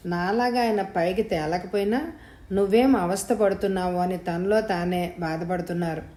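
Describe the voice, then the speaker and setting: A woman's voice: fairly low pitch, moderate pace, dark tone, close to an everyday voice. A woman reading the lines of a loving older mother in an audio story, affectionate and soothing. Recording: roomy echo.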